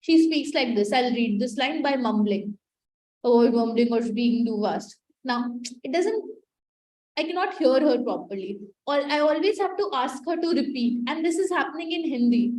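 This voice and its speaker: A woman's voice: high-pitched, animated, normal speed, darkish tone. Emphatic woman teaching online. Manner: emphatic and repetitive, coaxing the class to answer in chat. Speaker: communication skills instructor. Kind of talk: live online class. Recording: echoey room with faint noise.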